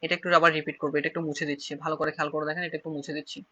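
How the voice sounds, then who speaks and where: His voice is high, very bright, and husky, with little pitch movement and a rapid-fire pace. This Chittagong-accented man from Bangladesh runs an online shorthand class, drilling every point step by step and repeating it repeatedly for his students.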